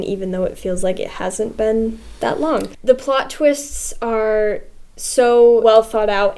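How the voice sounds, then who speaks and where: A woman's voice: mid-range voice, darkish tone. A woman co-hosting a casual film-review podcast, playful and chatty, often giggling. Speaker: podcast co-host.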